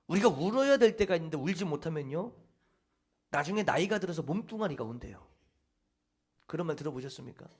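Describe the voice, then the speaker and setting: A male pastor preaching a sermon, telling a story dramatically and dropping from loud passages into hushed whispers. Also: high voice. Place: church service hall.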